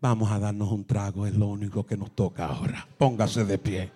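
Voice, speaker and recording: A man preaching a lively sermon, acting out little scenes between churchgoers and their children and breaking into shouted exhortations. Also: lowish voice, a little fast, breathy edge. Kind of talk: lively sermon with acted-out dialogue.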